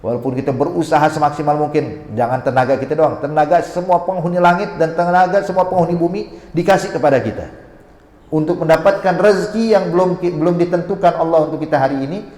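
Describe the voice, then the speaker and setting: A man's voice: on the high side, quick pace, darkish tone. A man with an Indonesian accent giving an Islamic sermon. He tells a story and acts out its dialogue, and he quotes Arabic as he goes. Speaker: preacher. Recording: echoey hall.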